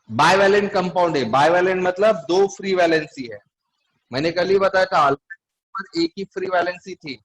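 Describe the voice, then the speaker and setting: A man with a high voice teaches a chemistry class in a low-quality recording. He explains things step by step and keeps quizzing his students with questions throughout the lecture.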